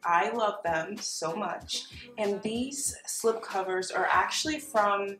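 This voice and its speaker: A woman's voice: medium pitch, slow, sharp tone. A young woman vlogger chatting casually to camera in a gushing, enthusiastic way, as in a home makeover reveal. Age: young adult. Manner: gushing, enthusiastic about finds. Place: small dining room at home, indoors. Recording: roomy echo, faint music behind.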